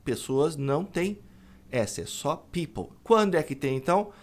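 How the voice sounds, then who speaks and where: A man teaching English pronunciation in Portuguese, explaining patiently and modeling words slowly. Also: a little high, animated. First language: Brazilian Portuguese. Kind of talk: online English pronunciation lesson.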